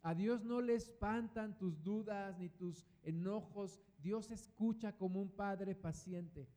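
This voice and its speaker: Earnest preacher with a high, mellow voice. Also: male voice, slow pace. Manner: earnest, repeats words for emphasis. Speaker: guest preacher. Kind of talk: sermon with scripture reading. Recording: long hall reverb.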